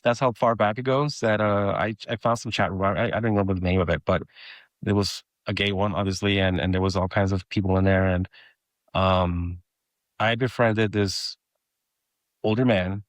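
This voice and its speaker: As a guest on a podcast, a middle-aged Mexican man whose first language is Spanish tells his story in conversation, hesitating and restarting along the way. His lowish voice holds a steady tone at a moderate pace, with no echo.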